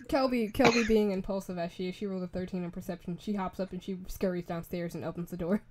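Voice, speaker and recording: A woman's voice: on the low side, steady tone, quick pace, a crowd in the background. A woman acting as game master, narrating the scenes in a hesitant way, full of fillers.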